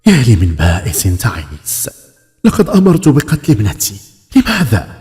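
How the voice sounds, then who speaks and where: A man's voice: on the low side, huge pitch swings, normal speed, darkish tone. Man playing an emotional, commanding folk tale king. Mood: anguished. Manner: dramatic exclaiming. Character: volatile, grief-stricken king, commanding and emotional. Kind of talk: folk tale character acting.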